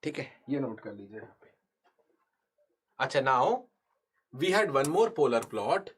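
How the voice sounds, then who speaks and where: A man's voice: medium pitch, big pitch swings, racing, heavy background noise. A man with a North Indian accent lecturing in a live online class, repeating key phrases, putting questions to students and slipping Hindi into his English. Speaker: engineering exam lecturer. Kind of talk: live online lesson, explaining step by step.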